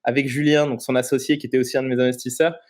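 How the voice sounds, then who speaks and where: A man in his thirties, originally from Morocco, talks as an interview guest at an ordinary middle pitch. He explains at length in a relaxed, conversational way, stopping often to find his words. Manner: explanatory, halting with frequent pauses. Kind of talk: casual interview chat.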